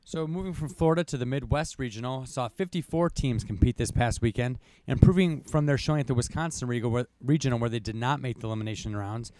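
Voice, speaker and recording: A man's voice: mid-range voice, fast talker, few pauses, mellow, no room sound. Young man recapping results, dry sound. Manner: reads results from notes, coughs, casual asides. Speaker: co-host. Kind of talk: podcast rankings recap.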